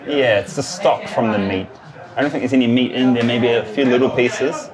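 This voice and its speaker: A man in his thirties explains things to camera in a casual, informal vlogging style. His voice is medium in pitch, picked up on a handheld camera with clear crowd chatter around him. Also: moderate pace, rough recording. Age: 30s. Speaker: travel vlog host. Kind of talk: casual chat and commentary to camera. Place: busy street and small tiled eatery.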